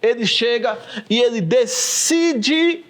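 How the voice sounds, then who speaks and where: A man's voice: very high voice, animated, takes it slowly, a bit bright. A male pastor with a Brazilian accent preaching fervently to a camera, calling his listeners dear ones and acting out scripture. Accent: Brazilian Portuguese. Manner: fervent, addresses listeners as "queridos", acts out scripture. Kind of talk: sermon. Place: in front of a camera, livestream.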